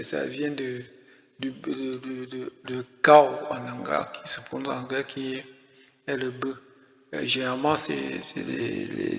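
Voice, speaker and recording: Gravelly man teaching slowly in an echoey room. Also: medium pitch, a bit bright. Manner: repeats words slowly, hesitant fillers. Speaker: language teacher. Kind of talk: spoken language lesson. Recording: echoey room, dull lo-fi sound.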